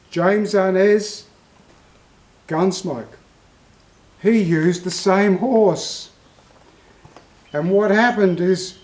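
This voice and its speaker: A man's voice: sits high, a little mellow, reverberant, poor audio. An Australian man hosting a vlog, telling a story in a folksy, heartfelt way. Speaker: vlog host. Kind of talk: casual storytelling.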